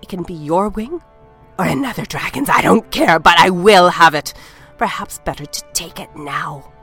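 A woman's voice: on the low side, expressive, moderate pace, fairly bright tone, faint music behind. A woman voicing a grim, ruthless old witch in an audiobook drama, speaking in a cold, menacing way.

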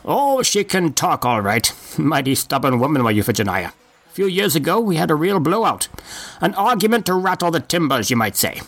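A folksy old man who talks in an unhurried drawl, voiced by a male storyteller. He is chatty and nosy, and his pitch sits well above the narrator's own while swinging up and down as he talks. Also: big pitch swings, fairly bright tone, soft background music, exaggerated voice. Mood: wistful. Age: older. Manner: slow, drawling, folksy old-timer speech.

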